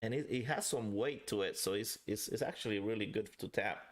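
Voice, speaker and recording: A man's voice: on the low side, fairly quick. A man hosting a casual live review and chat, talking directly to viewers in a chatty way. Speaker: livestream host and pipe reviewer.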